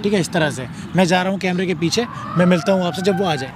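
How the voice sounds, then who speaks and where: A man hosting a street prank vlog in a slightly high voice, earnest and reassuring, rambling a little with fillers as he explains. There is faint traffic noise outdoors. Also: quick pace. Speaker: prank video host. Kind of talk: casual vlog introduction.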